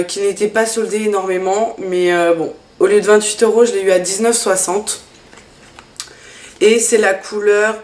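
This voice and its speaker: A woman's voice: medium pitch, slight background noise. Chatty woman in a roomy echo. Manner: chatty, hesitant with many fillers. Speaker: beauty vlogger. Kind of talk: casual makeup haul vlog.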